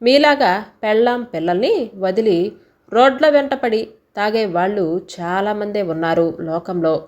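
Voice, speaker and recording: A woman's voice: medium pitch, unhurried, darkish tone, close to an everyday voice. A woman as a hurt, reproachful wife. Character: hurt, fed-up wife standing her ground.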